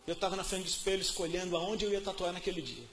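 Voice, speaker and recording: A male preacher with a Brazilian Portuguese accent tells his testimony in a relaxed, slangy way and repeats phrases a lot. His voice sits high and sounds sharp and bright. He drops to near-murmurs and then bursts out loudly, with a faint hum of noise behind him. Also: fast talker. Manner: casual slang-filled testimony with many repetitions; swings between soft murmurs and loud outbursts. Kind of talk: sermon.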